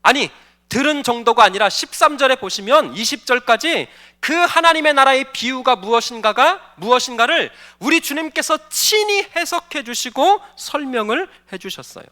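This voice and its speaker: A man's voice: extremely high pitch, lively intonation, normal speed, bright, forceful tone. A man preaching a Sunday sermon as pastor, emphatic and questioning the congregation directly. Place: church sanctuary.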